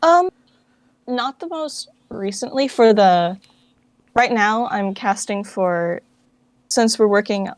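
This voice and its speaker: Her mid-range voice is animated but slow, broken up by long pauses, and the audio has no echo. The speaker is a fan dub project founder being interviewed, and her relaxed talk wavers, full of fillers and constant "like."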